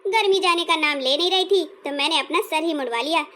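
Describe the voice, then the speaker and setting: A woman's voice: extremely high pitch, fairly quick, bright, forceful tone. A woman voicing a cheerful, carefree bald old woman in a cartoon, chatty and unbothered. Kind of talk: cartoon voice acting.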